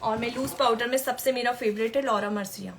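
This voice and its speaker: A woman's voice: fairly high pitch, steady tone, fairly quick, background noise. A woman makeup artist teaching makeup in a chatty way during a live-stream tutorial, answering viewer questions as she works.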